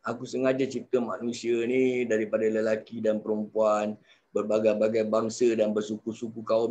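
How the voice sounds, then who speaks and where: A man with a Singaporean Malay accent giving a Quranic studies lecture, lively and often asking the class rhetorical questions. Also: on the low side. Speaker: religious teacher.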